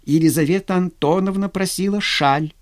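A man's voice: high voice, normal speed, voice pushed up, natural voice. A man reading a story, voicing a hurt young man who mutters in exasperation. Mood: exasperated. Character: hurt sulky young man, jilted brother.

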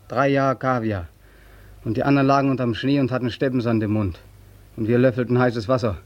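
A man playing a sleepless young soldier back from the war, in a 1940s radio play. His mid-pitched voice is worn out and bitterly ironic, and he keeps repeating the same form of address, wearily, like a refrain. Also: steady tone, brisk, highs cut off, close to an everyday voice. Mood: sardonic. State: exhausted.

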